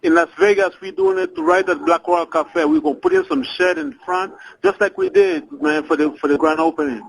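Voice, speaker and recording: A man calls in by phone for a casual live interview. His fairly high voice is crackly with fry and jumps around in pitch, and he tends to repeat his phrases informally. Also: wildly swooping pitch, a little fast. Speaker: cafe owner calling in as guest. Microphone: phone call.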